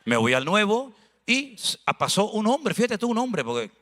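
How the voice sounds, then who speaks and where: Male pastor, high bright voice, animated sermon, long hall echo. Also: moderate pace. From Spain. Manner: animated, preaching with conversational asides and acted dialogue.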